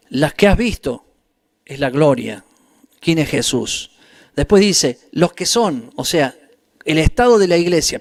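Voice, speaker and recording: A man giving a Bible class lecture, talking emphatically and putting direct questions to his listeners. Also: high-pitched. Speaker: Bible teacher.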